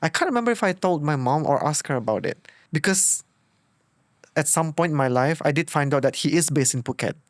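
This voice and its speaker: Clean studio audio with no echo captures a fairly high, fairly quick male voice. He's a podcast host in his thirties with a Bruneian accent, now being interviewed, and he retells personal stories with lively energy, voicing the thoughts he had back then.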